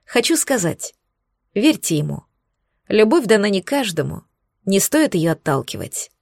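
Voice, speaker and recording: Female audiobook reader, first-person narration, even, expressive, close dry studio sound. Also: medium pitch, measured pace, creaky, dry recording.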